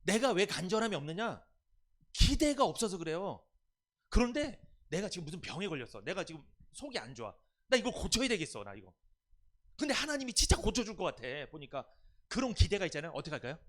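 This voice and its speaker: Man, pastor, sermon, lively rising and falling voice, slightly high pitch. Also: fast talker. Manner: preaching with questions and repetition to the congregation; lively, rising and dropping loudness.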